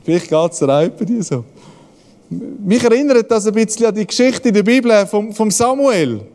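A man's voice: sits high, expressive, normal speed, a little mellow, big-room sound. A man giving a casual devotional talk as a pastor, telling everyday stories with frequent chuckles. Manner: storytelling, chuckling often, acts out voices.

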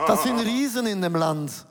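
A man's voice: high voice, long reverb tail. A man with a Swiss German accent preaching a sermon, emphatic, repeating words and asking rhetorical questions.

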